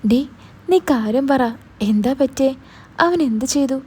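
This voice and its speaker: A woman's voice: high voice, takes it slowly, dark tone, slightly rough, pitched above the performer's own voice, full character voice. A woman voicing a caring young man who acts as a protective older brother, pressing with urgent, coaxing questions. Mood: concerned. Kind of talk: storytelling.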